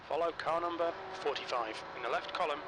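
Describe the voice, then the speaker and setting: A man playing a race spotter on team radio, giving short, clipped, steady callouts in a racing game. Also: a little high, fairly quick, lightly acted. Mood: steady, alert. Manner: terse, clipped. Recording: loud car engine and vehicle noise.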